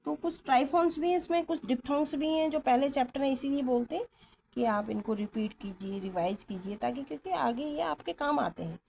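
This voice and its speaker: Her voice sits high and moves a little fast, with vocal fry and a slightly mellow quality. A patient stenography teacher, she spells words letter by letter in an Indian accent and confirms her students are with her. Audio is poor, from a far-off camera or phone, with faint background noise.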